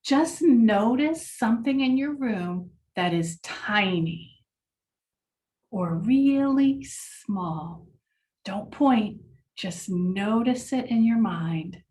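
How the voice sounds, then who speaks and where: A woman leading a children's mindfulness lesson, speaking gently and encouragingly to the class. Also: medium pitch, animated, slow pace, recorded from a distance.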